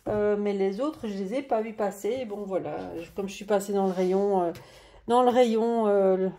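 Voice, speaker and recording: A chatty French woman with a mellow, medium-pitched voice and moderate pace runs a casual craft haul vlog from her desk at home. She hesitates often, using many fillers and restarts, while a camera on the desk is moved closer and back.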